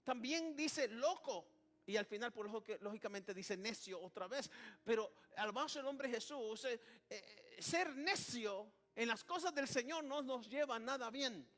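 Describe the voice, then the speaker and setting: A man's voice: extremely high pitch, expressive, normal speed, a bit bright. A man preaching a sermon in Spanish, who keeps calling out to the congregation and praising Jesus, with many restarts. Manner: repeats "hermano" and "alabado sea el nombre de Jesús", with many restarts.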